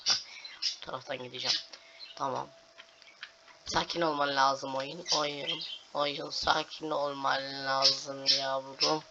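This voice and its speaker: Fairly high-voiced young man, lo-fi. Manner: talks to viewers, narrates each move, swears at glitches. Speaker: gaming video host. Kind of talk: casual gameplay commentary. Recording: dull lo-fi home recording with clear noise.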